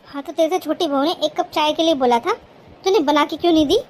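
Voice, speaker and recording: A fussy mother-in-law from a cartoon, voiced by a woman, doting on one daughter-in-law and ordering the other around. Her voice is pitched very high. She talks in an indulgent, bossy way. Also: fast, darkish tone, a little hiss or hum, close to an everyday voice. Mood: stern. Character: doting mother-in-law, quick to take sides. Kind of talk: cartoon voice acting.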